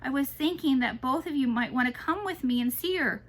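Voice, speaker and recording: A woman's voice: high-pitched, a little fast, voice pushed up. A woman voicing a shy, curious little female possum in a read-aloud storybook, sounding timid and hesitant. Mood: earnest.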